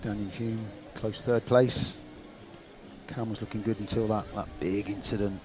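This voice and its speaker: His voice sits on the low side with little pitch movement, and he takes his time. This English man from the West Country chats informally through live speedway commentary for his stream, thinking aloud over an outdoor stadium crowd.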